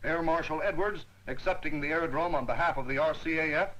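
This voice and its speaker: A man narrating an old 1940s newsreel in a brisk, ceremonial announcer's manner. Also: a little high, fairly even intonation, poor audio. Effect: old 1940s newsreel sound. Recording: narration over loud band music.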